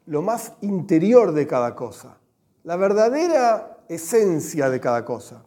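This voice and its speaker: A man with an Argentine Spanish accent gives a religious class, animated and joking, with Hebrew terms mixed in. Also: high-pitched, a little slow. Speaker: religious teacher. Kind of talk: lively class with everyday examples.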